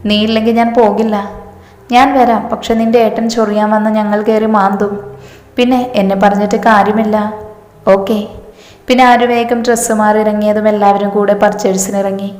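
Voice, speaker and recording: A woman reading aloud a romantic story, voicing all the characters in one even voice. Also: medium pitch, normal speed. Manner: flat, even reading of every part in one voice. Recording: echoey room with long reverb.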